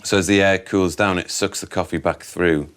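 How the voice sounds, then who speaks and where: Male barista, very low voice, easygoing, hesitant explanations. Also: normal speed. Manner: relaxed, hesitant with fillers. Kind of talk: casual interview. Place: coffee shop.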